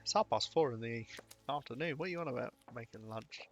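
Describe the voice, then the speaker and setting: A young British man streams a game with live commentary, talking casually at a quick pace in a medium-pitched voice. He rambles and chuckles between remarks.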